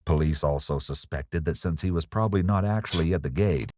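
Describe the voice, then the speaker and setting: Deep-voiced man narrating true crime. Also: a little mellow, no echo, clean studio sound. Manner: measured, ominous. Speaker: documentary narrator.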